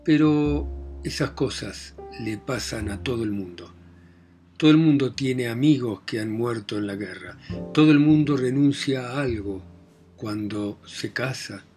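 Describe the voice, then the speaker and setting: A man narrating a novel in a measured reading voice, letting his voice drop softly at the ends of phrases. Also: mid-range voice, soft background music.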